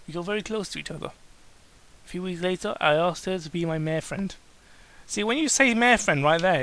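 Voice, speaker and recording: A host reads fan fiction aloud as a comedic dramatic performance, tripping over the amateur prose and stopping for sarcastic remarks in a mocking, exasperated tone. The voice is mid-range and slightly bright, and the recording is rough.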